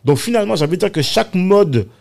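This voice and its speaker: Man, casual round-table chat, studio, animated, lots of fillers. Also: sits high, quick pace, gravelly. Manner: animated, frequent "en fait" fillers. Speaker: podcast guest.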